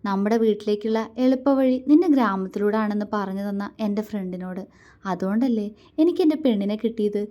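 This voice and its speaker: A woman's voice: medium pitch, a little fast, warm tone, lo-fi sound, close to an everyday voice. A woman voicing a playful coaxing husband. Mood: teasing. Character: affectionate teasing young husband.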